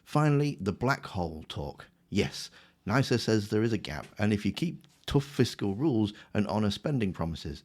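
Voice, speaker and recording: A man with a fairly low voice delivers scripted commentary as a rebuttal. He sounds smug and sarcastic, mocking the claims he picks apart. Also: sing-song, moderate pace, darkish tone. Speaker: political commentator.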